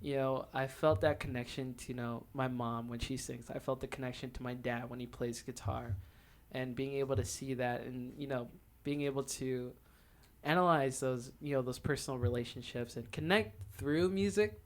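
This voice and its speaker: This podcast co-host is a young adult man whose medium-pitched voice stays steady and moves at a normal speed. His talk is loose and conversational, full of personal anecdotes, and he keeps breaking into giggles.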